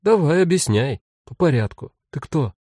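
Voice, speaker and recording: Guy reading a no-nonsense mom, firm and steady, low mellow tone. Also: normal speed, slightly rough, dry recording, clean studio sound. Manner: firm, commanding. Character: stern, composed mother of three, woman.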